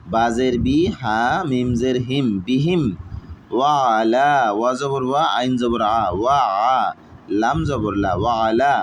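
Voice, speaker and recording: A man teaching Quran reading, who spells out each letter and vowel mark slowly and then reads the whole word. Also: medium pitch, slight background noise, rough recording. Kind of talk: slow letter-by-letter recitation lesson.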